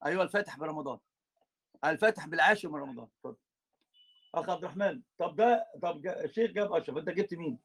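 A man with an Egyptian accent teaching a religious lesson, animated and teasing his students, switching between colloquial and formal Arabic. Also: on the high side, rapid-fire, breathy edge.

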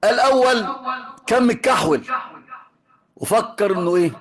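A man's voice: sits high, animated, normal speed, a crowd in the background. A man with an Egyptian accent giving an informal religious lesson, teasing and joking with his students as he moves between classical and colloquial speech. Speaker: religious teacher.

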